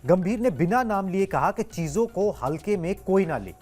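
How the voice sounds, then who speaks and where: A man's voice: sits high, animated, normal speed, a little mellow, faint music behind. A man hosting a cricket news discussion, explaining in a chatty way with idioms and fillers. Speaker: sports show host.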